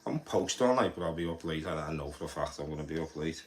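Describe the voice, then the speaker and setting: Very deep and lively in intonation, this quick-paced voice belongs to a young livestreamer from Liverpool, England. In a thick Scouse accent he rambles casually to his viewers, repeating words and swearing offhandedly, with faint background noise behind him.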